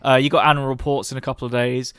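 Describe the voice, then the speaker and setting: Clear-voiced male game master. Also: medium pitch, level tone, fast talker, fairly bright tone, no echo, studio quality. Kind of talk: improvised game narration.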